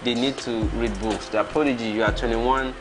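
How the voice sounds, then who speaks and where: A man's voice: medium pitch, steady tone, fairly quick. A Nigerian man in his thirties, hosting a casual livestream and reading out viewer comments, chuckling and reacting as he goes. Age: 30s.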